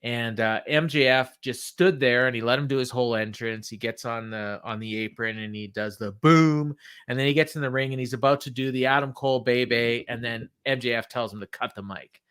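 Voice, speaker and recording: Halting man giving a casual recap. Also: mid-range voice, fairly even intonation, a bit bright, clean tone. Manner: halting, backtracking, paraphrasing quotes as he goes. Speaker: wrestling podcast co-host. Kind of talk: casual recap retelling a promo from memory.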